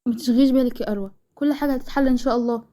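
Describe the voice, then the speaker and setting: A woman reads dialogue from a story briskly. She talks very fast in a fairly high, mellow voice. Her delivery stays quick and clipped throughout. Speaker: co-reader. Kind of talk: reading a story aloud.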